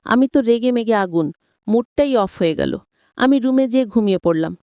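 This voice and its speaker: A woman's voice: on the high side, lively intonation, moderate pace, mellow, no echo. A woman narrating a first-person story and addressing her listeners directly.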